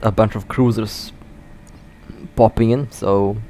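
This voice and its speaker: A man's voice: lowish voice, fairly even intonation, takes it slowly, warm tone, slight background noise. A man with hiccups giving casual, chatty live commentary while playing a space game, often stumbling and correcting himself. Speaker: mobile space game player.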